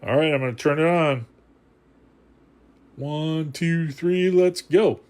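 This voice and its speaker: This man hosts a hands-on radio restoration vlog, and his slightly high, somewhat mellow voice takes things slowly. He talks casually and playfully, full of enthusiasm, as the host of a radio repair channel.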